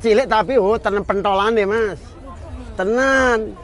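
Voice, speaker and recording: Javanese guy hawking lamps at an outdoor market, high voice, loud jokey haggling patter. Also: a faint crowd. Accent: Central Javanese. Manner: loud, joking, rapid counting and haggling. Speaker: street vendor selling lamps. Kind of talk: market sales patter, auctioning down prices.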